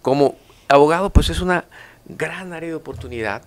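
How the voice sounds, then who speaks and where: A man's voice: on the high side, fairly quick. A man, a lawyer and academic, speaking as a guest on a panel discussion and often repeating words as he starts a thought.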